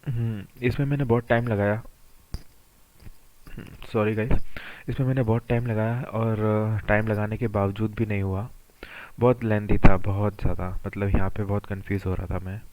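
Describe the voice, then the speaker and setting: A young man with a cold, his voice gone hoarse, chatting casually as he reviews his mock test results and keeps adding tag questions. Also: on the low side, flat delivery, normal speed, no echo. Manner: chatty, often adds "है ना". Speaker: exam aspirant channel host. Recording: dull lo-fi recording.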